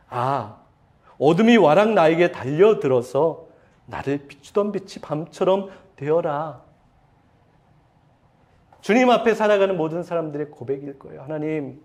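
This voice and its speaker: A man's voice: high voice, darkish tone. A man preaching a sermon as pastor, speaking to his congregation with strong feeling and asking them questions. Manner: emotional preaching, voicing quoted pleas with swelling intensity; addresses congregation directly, asks questions.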